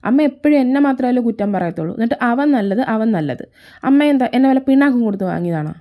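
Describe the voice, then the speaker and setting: A bossy young man who needles his little brother with sarcastic jabs, as a woman reads him in a fan fiction audio story. The voice sits fairly high and the talk stays nagging and mocking. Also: animated, fast, mellow, no echo, clean studio sound.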